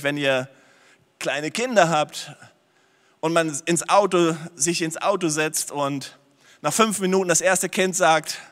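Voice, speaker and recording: A man with a somewhat high voice preaches as a pastor, stressing his points by repeating phrases. He moves between loud passages and hushed ones. His voice carries a long reverb from a large hall. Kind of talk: sermon.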